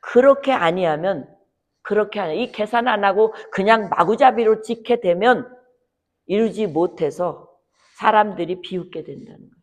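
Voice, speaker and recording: Woman preacher, sermon in church; hushed asides that surge into loud impassioned appeals. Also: normal speed. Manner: rises to loud, high impassioned pleading, drops to near whisper. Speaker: pastor. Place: church sanctuary.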